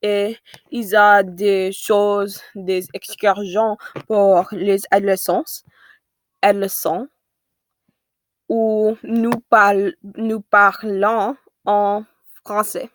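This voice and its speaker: A woman's voice: medium pitch, level tone, very slow, no echo. A seventeen-year-old woman with an American accent and native English, chatting casually to viewers in a second language, hesitating as she searches for words and corrects herself. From United States. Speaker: vlogger.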